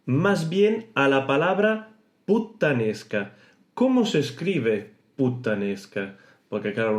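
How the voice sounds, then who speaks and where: A man whose first language is Italian hosts a podcast lesson and explains pronunciation, slowing down to stretch words out. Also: mid-range voice. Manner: explanatory, slows to exaggerate pronunciation. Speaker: podcast host teaching Italian. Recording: roomy echo.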